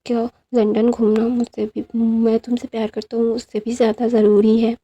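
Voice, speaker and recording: A woman's voice: on the high side, flat delivery, normal speed, dark tone, slightly rough, dry recording. A woman voicing a clingy, possessive man who pleads and acts wounded, with English phrases mixed in. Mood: sulking. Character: clingy possessive male alpha lover, pleading. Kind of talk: storyteller voicing dialogue.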